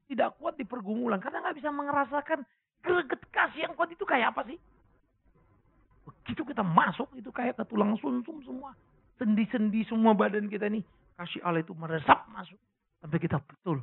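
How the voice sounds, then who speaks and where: Man, pastor, animated sermon, rhetorical questions, raspy fry, thin phone-like sound. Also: very high-pitched, fairly quick. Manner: animated preaching, rhetorical questions to the congregation, sudden loud cries. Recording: tinny phone-like lo-fi sermon recording.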